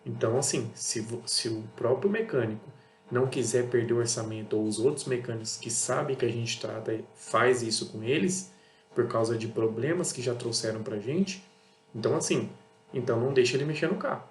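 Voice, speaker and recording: A man's voice: mid-range voice, brisk. Blunt Brazilian man in an echoey room. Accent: Brazilian Portuguese. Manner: blunt, repetitive, acts out dialogues with customers. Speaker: auto parts seller and channel host. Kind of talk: casual monologue to camera. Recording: echoey room with faint hum.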